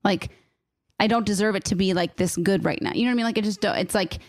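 Talking quickly in a mid-range voice, a woman in her thirties carries on a casual, rambling chat full of emotion. "Like" turns up in every sentence, and the studio-quality recording has no room sound.

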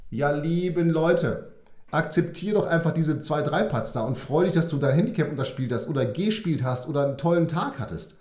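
A man's voice: on the high side, expressive, fairly quick, darkish tone, reverberant. A man speaking as a golf mental coach in a podcast monologue, talking freely with many fillers and frequent "ja?" checks to the listener.

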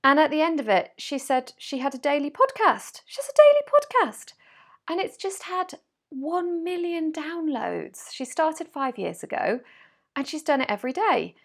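Woman, 30s, podcast host, rambling casual chat, gravelly fry. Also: sits high, big pitch swings, moderate pace. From Wales. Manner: chatty and rambling, laughs often, self-deprecating. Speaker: podcast host, life coach. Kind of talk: casual solo podcast talk.

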